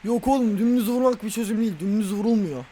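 High-voiced excitable young gamer man. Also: fast talker, slight background noise. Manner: excitable, groans and shouts at the game. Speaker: gamer playing a football video game. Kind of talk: casual let's-play reaction.

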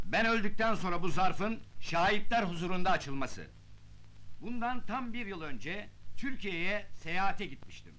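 An actor playing a formal representative who reads documents aloud in a declamatory way, in a film drama. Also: male voice, high-pitched, bright, forceful tone, full character voice, low-quality recording. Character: formal male representative reading out a solemn testament. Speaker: representative of a deceased foreigner.

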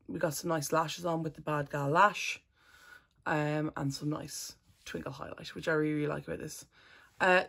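A woman's voice: sits low, vocal fry, fairly bright tone, husky. A woman chatting casually through a makeup tutorial as a vlogger, rambling and correcting herself as she goes.

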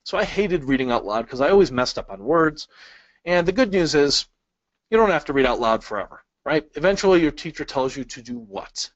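A man with a slightly high voice and lively intonation speaks fairly quickly as he teaches a webinar over a webcam from a small room, friendly and peppering his audience with questions and light jokes. He's a Chicago-based speed-reading instructor whose first language is Polish, presenting a slide-based lesson. The sound is dry and a bit dull, with no room echo and a muted top end.

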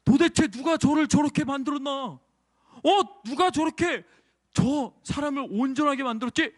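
A man's voice: extremely high pitch, brisk, sharp tone. A man doing astonished villagers. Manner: exclaiming, questioning. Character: astonished, excited village men.

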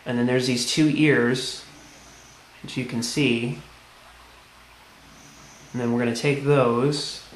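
At a tiled tabletop indoors, a tutorial presenter speaks slowly in a steady, mid-range voice, leaving long pauses. He demonstrates a task casually and plainly, one step at a time, in an echoey room with background noise.

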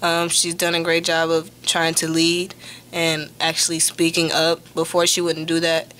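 Brief: young woman basketball player at the presser table, bright and fairly low voice, even delivery, faint room hiss. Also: a little slow. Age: young adult. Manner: plain and steady, starting answers with "um". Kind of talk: postgame press conference answers. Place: press room in front of a sponsor backdrop. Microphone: table mic on a stand.

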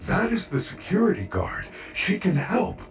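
An actor playing a gentle, caring male animatronic bear robot who speaks in polite, formal, soothing robotic sentences. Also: low voice, wildly swooping pitch, moderate pace, creaky, heavily acted. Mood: gentle, helpful. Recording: game audio, slightly distant, faint music.

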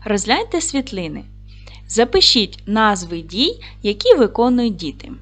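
Lively-voiced woman teaching young children. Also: medium pitch. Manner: clear, slow, encouraging classroom delivery. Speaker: primary school teacher. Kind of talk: video lesson for young children.

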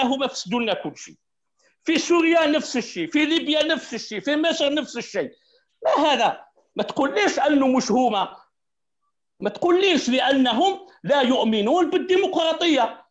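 Algerian man, high voice, quick emphatic debater who hammers words home; muffled call audio. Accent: Algerian Arabic. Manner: emphatic, repeats key words, laughs between points. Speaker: panelist. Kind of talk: heated debate argument.

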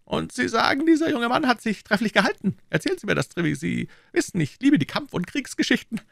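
This is an excitable, proud king from a storybook reading, speaking in a shrill, strained high voice that leaps about as he gives his orders. The sound is dry and close, with no room around it. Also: fast, creaky, dry recording, full character voice. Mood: excited. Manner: high, shrill, eager and imperious.

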